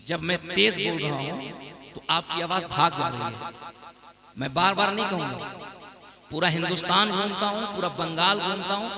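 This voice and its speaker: High-voiced preacher over an echoing PA. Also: male voice. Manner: chants Arabic openings in long drawn-out melody, then instructs crowd and sound man. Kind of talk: religious speech at a gathering. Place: large open-air religious gathering. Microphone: stage PA microphone. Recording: echoey outdoor PA with loud crowd.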